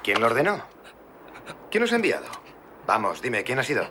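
A man's voice: mid-range voice, wildly swooping pitch, moderate pace, very noisy. A man playing a cocky, hot-headed young mob enforcer in dubbed film dialogue, brash and commanding. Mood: interrogating. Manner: brash and commanding, swings from coaxing to threats.

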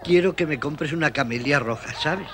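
A man's voice: fairly high pitch, normal speed, fairly bright tone, some chatter behind, close to an everyday voice. An actor playing a flamboyant, affected man strolling at night, talking in a giggly, coquettish manner. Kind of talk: film dialogue.

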